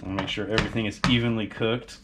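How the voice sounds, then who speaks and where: A man's voice: fairly low pitch, level tone, quick pace, very noisy. A sarcastic, heavily swearing man hosting a casual cooking vlog, talking as he works in a home kitchen. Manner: foul-mouthed, sarcastic. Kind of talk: casual cooking demonstration, talking while working.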